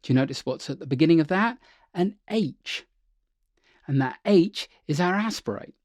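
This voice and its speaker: A man's voice: on the high side, expressive, normal speed, darkish tone, no echo, clean studio sound. Upbeat male vocal coach. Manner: upbeat, chatty teacher with slang check-ins. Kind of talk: singing lesson.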